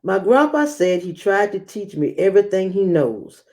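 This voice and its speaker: Speaking in a mid-range voice, a woman reads aloud to children in the role of a teacher, her storytelling measured and expressive.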